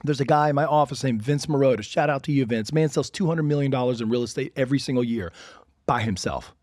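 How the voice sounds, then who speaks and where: A man hosting a real estate podcast, talking in an energetic, chatty way full of asides. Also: mid-range voice, fast, dry recording. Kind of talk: casual instructional podcast talk.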